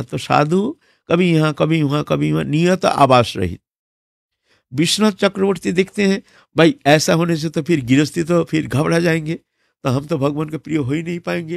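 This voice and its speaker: Gravelly-voiced man giving a sermon. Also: a little high, no echo, studio quality. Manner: unhurried, with frequent fillers and restarts. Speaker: religious preacher. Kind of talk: devotional storytelling sermon.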